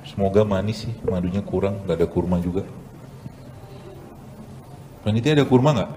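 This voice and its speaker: A man's voice: sits low, moderate pace, noisy background. A man, a doctor giving an informal health talk with a cooking demonstration, chatty and joking with the audience.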